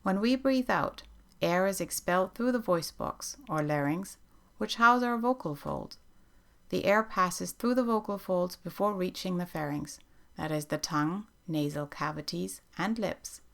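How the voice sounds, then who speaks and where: A woman giving calm, measured scripted narration for a teacher training video. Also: on the low side, gravelly. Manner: calm, measured instructional delivery.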